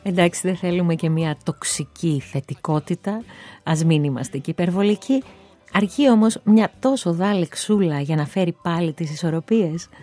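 A woman hosts with a scripted narration, her delivery measured and polished. Her voice sits low and mellow. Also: soft background music. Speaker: host.

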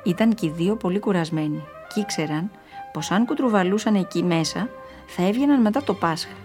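A woman narrating a storybook in a lively, expressive way. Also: fairly low pitch, faint music behind.

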